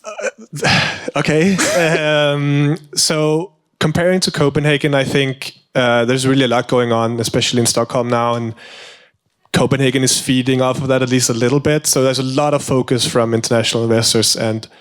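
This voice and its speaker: A man from Denmark, a venture investor on a startup jury, answering in a relaxed, slightly unsure way. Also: mid-range voice, moderate pace, smooth. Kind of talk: panel answer at a startup event.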